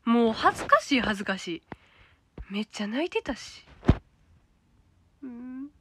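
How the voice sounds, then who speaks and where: Woman, Kansai accent, casual livestream chat, reads comments aloud, somewhat high voice. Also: very animated, a little slow, very noisy. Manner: chatty, reads comments aloud, drops to a soft whisper at times. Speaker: idol livestreamer reading viewer comments.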